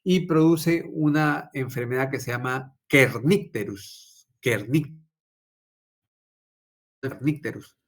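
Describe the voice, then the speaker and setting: A young adult man lectures a physiology class in an easygoing, conversational way. He keeps quizzing his students and tags many phrases with a questioning "¿no?". His voice sits at an ordinary, middle pitch for a man. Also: takes it slowly, long pauses. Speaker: physiology lecturer and intensive care doctor. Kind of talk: informal lecture with personal anecdote.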